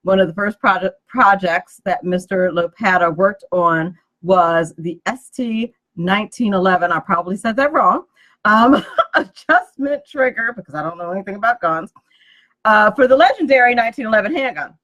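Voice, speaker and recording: A woman's voice: mid-range voice, moderate pace, a bit bright, low-quality recording. A woman hosting a business radio talk show, chatty and giggly as she introduces her guest. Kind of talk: casual radio chat.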